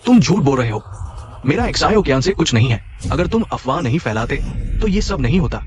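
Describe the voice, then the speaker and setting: A scheming village headman who flares up fast, voiced by a man in a drama dub. His pitch leaps around with lively force over clear music in the background. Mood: angry. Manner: indignant, blustering. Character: scheming male village headman, quick to anger. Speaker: dubbing actor. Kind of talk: dubbed drama acting.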